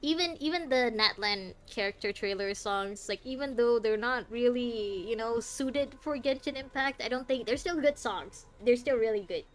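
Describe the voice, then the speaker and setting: A young woman streaming a game, chatting to viewers with lots of laughter and excited reactions. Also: a little high, normal speed, few pauses. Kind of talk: live gameplay commentary.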